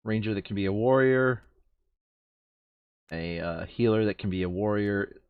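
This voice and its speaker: This board game player and video host sorts cards while chatting casually, musing aloud and correcting himself often. He has a lowish, clean voice at normal speed, recorded with no room sound and the highs cut off.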